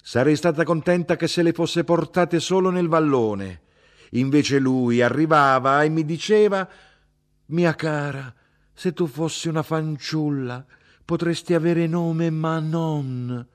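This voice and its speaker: A man reading the part of a blunt, indignant middle-aged mother who talks in a sharp, insistent way. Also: measured pace, natural voice. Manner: sharp, insistent, rising in pitch.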